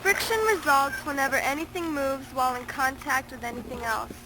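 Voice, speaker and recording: A woman's voice: high-pitched, steady tone, brisk. A woman reciting a scripted science explainer in formal wording, recorded as amateur camcorder audio. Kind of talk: scripted narration of a physics explainer. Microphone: camcorder microphone. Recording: amateur camcorder audio with clear background noise. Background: ambient noise.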